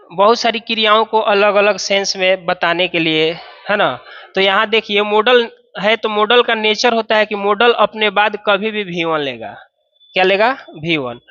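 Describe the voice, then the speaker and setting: A male teacher gives a classroom grammar lesson in a high, bright voice. He walks through each rule step by step, often posing a question and answering it himself. The sound is dry and slightly muffled. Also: dry recording. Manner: explains step by step, asks and answers own questions. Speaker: English teacher.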